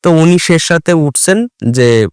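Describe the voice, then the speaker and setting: Male podcast host, smooth clear voice, dry studio sound, lively storyteller. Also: a little high, unhurried, no echo. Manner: animated storyteller, mixes English into Bengali. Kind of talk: casual storytelling chat.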